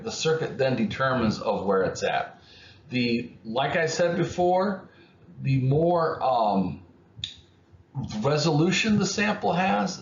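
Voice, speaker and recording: A man explaining electronics concepts in an unscripted lesson, speaking haltingly with many restarts and fillers. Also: mid-range voice, a bit bright. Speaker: electronics educator. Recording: muffled, roomy, faint noise.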